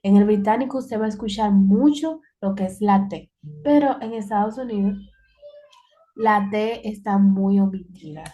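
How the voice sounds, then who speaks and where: A woman's voice: mid-range voice, moderate pace, mellow, highs cut off. A woman teaching English in an online class, explaining patiently and repeating key points.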